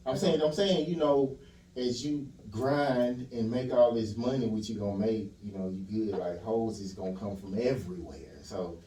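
Man, podcast host, blunt slang, mellow voice, echoey room. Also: lowish voice, normal speed. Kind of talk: casual interview chat. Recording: echoey room, mic at a distance.

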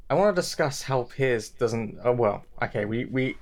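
A man's voice: medium pitch, animated, moderate pace. Podcast co-host, young guy, casual and rambling, mid-range voice. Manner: rambling, many restarts and fillers. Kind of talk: casual chat.

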